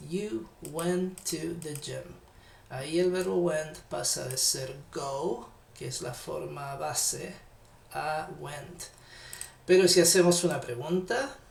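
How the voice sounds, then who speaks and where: A male teacher with a Chilean accent explains grammar patiently and deliberately, talking straight to his students. His voice sits fairly high and has a gravelly edge, and he speaks slowly. The room around him is echoey. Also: a little hiss or hum. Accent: Chilean Spanish. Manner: patient, deliberate, addresses learners directly. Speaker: English teacher. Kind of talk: classroom lesson explanation.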